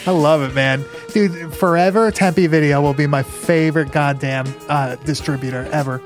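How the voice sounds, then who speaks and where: A man's voice: on the high side, steady tone, normal speed, music in the background. A man chatting casually as a podcast co-host, emphatic and repetitive, with lots of slang and swearing. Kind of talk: casual chat about horror movies.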